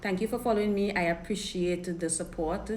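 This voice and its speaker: Speaking fairly fast with fairly even intonation, a Trinidadian woman's low, darkish voice carries her frank, chatty advice as a dating coach. She takes viewer questions on a live stream, repeating and restarting words, in roomy audio with a bit of noise.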